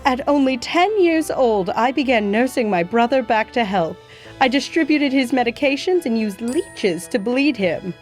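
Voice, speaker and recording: A woman's voice: a little high, expressive, moderate pace, faint music behind, lightly acted. A woman playing a gracious historical nurse who tells her life story in a genteel way, calling her listener "my dear". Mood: storytelling. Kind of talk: scripted educational acting.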